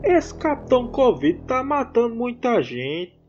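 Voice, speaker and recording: A woman's voice: a little high, big pitch swings, a little slow, darkish tone, faint music behind. A woman playing a worried, deferential small-town mayor in a radio play, reasoning cautiously. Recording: dull lo-fi sound, faint noise.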